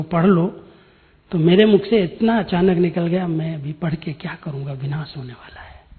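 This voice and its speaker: Older man, spiritual talk, thin phone-like sound, long hall echo. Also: on the high side. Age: 60s. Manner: earnest storytelling, preachy and direct. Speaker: spiritual speaker. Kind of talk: spiritual discourse.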